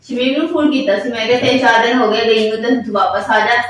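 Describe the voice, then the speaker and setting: Far from the mic in a very echoey room, a woman acts a practical, agreeable Punjabi housewife from Pakistan in a comedy skit. Her voice is fairly high, and some noise sits behind it. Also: fairly even intonation, quick pace, natural voice. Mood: matter-of-fact. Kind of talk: family comedy skit acting.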